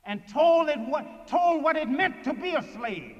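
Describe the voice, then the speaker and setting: Man w a lowcountry geechee brogue, really high voice, slow preachy speech, big echoey hall. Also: expressive. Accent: Gullah Geechee Lowcountry. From Sea Islands of the southeastern United States. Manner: emphatic, deliberate, with dramatic pauses and repetition. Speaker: orator. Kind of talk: oratorical speech in a preaching manner. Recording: dull archival recording, long hall reverb.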